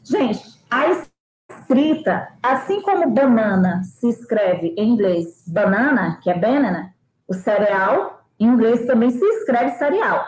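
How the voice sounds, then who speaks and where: A woman from Brazil, an English teacher in a live online lesson for children, slowly repeating words for them to copy and calling herself auntie. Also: fairly high pitch, a little mellow, reverberant, poor audio. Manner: slow, drawn-out repetition of words for children to copy; calls herself auntie and reads out viewers' names. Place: home kitchen.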